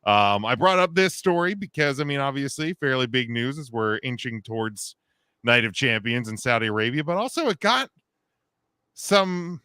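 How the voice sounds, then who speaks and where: A man's voice: mid-range voice, animated, moderate pace, bright, forceful tone, clean tone, no room sound, studio quality. A man in his thirties hosting a casual wrestling podcast, joking with co-hosts and reading the news with lots of fillers. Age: 30s. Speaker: podcast host.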